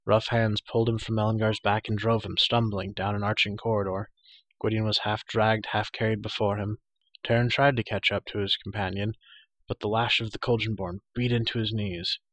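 A man narrating a fantasy audiobook in a steady, dramatic storytelling manner with occasional slips. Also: on the low side, moderate pace, no room sound. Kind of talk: audiobook reading.

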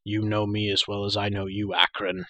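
A man's voice: on the low side, monotone, normal speed, sharp tone, no room sound. A man voicing a defiant captive lord. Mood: commanding. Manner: scornful, commanding. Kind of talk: audiobook reading.

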